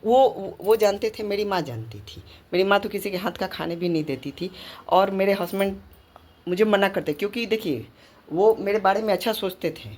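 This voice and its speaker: A woman's voice: medium pitch, normal speed, a little mellow. A woman vlogger from Bihar in her thirties, talking emotionally to her viewers, indignant and lamenting, with many fillers and restarts. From Bihar, India. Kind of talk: emotional monologue to camera.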